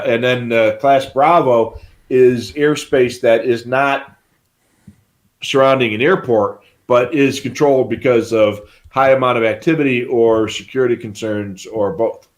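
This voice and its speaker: A man's voice: medium pitch, fairly even intonation, measured pace. A man co-hosting a live stream, explaining in a casual, rambling way with many fillers. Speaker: livestream co-host.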